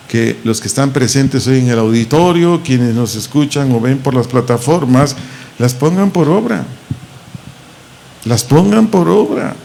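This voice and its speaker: A man with a Mexican Spanish accent, teaching a Bible lesson as pastor, slowly repeating and spelling out words. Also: mid-range voice, a little mellow, a little hiss or hum. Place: church auditorium.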